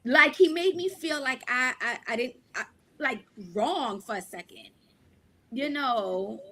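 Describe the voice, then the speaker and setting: A woman's voice: high voice, measured pace. A woman in her forties from Brooklyn with a Guyanese-tinged Brooklyn Caribbean accent, telling a story as a panelist. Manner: animated storyteller, acts out quotes. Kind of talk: casual panel discussion.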